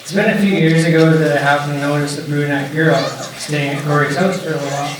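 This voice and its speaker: A man's voice: a little high, fairly even intonation, a little fast, crowd noise. Young man's wedding toast, distant and echoey. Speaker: best man, groom's older brother. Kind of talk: wedding toast with light anecdotes. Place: large echoey indoor reception room, mic far away. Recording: very echoey, distant, noisy event hall.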